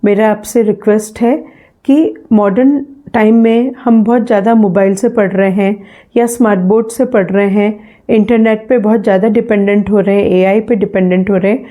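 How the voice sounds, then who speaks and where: A woman teaching an English phonetics revision lesson in Hindi. She speaks patiently, with an Indian English accent, says words again slowly, and often checks in with "है ना". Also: mid-range voice, fairly even intonation, warm tone.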